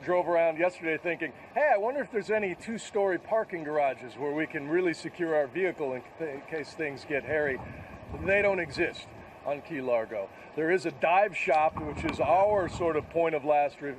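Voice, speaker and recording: A male field reporter giving an unscripted live report outdoors in a conversational, halting way. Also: on the high side, rough recording. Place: outdoors in gusty weather. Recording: faint outdoor wind noise.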